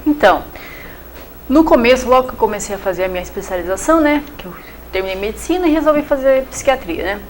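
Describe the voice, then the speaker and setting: A woman's voice: fairly high pitch, lively intonation, fast, slight background noise, poor audio. A young Brazilian woman psychiatrist talking in an interview, explaining in a chatty way with everyday examples and many fillers. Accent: Brazilian Portuguese. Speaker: psychiatrist guest. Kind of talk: casual interview talk.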